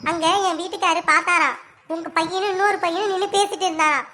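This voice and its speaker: A woman voicing a young village wife who insistently brings news to her neighbour in an animated story. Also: very high voice, fast talker. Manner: insistent, earnest. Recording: voice with loud music behind.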